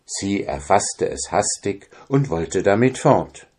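A man reading a fairy tale aloud in a measured, calm storytelling manner. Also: deep voice, breathy edge.

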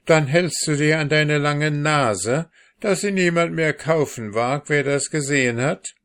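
A man's voice: a little high, measured pace, a bit bright, pitched above the performer's own voice. A man voicing a bold young market boy who scolds in an indignant tone in a storybook reading.

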